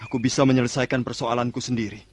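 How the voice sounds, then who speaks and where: An actor playing a proud, guarded and bashful younger brother in an old radio drama style. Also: male voice, mid-range voice, level tone, very fast, a little mellow, a little hiss or hum, close to an everyday voice. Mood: defensive.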